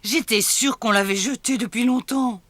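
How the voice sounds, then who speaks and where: A woman voicing a fond, lively old grandmother pig in a cartoon. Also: on the high side, normal speed, heavy background noise, lightly acted. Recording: cartoon soundtrack with music behind.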